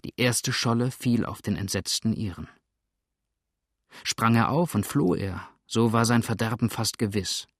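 A man narrating an adventure novel in a steady, measured reading voice. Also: lowish voice, husky, no room sound, clean studio sound. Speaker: audiobook narrator. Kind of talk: scripted narration.

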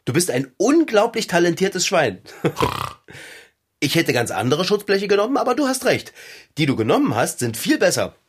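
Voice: mid-range voice, big pitch swings, moderate pace, slightly rough. A voice actor playing an easygoing bike mechanic in a cartoon, talking in plain everyday speech. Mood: warm. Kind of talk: cartoon voice acting.

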